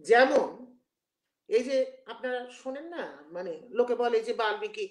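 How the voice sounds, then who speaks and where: A man's voice: extremely high pitch, normal speed. Guy lecturing, chants verses now and then, kinda echoey room. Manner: rhythmic, chants verses while explaining. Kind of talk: academic lecture. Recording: roomy echo.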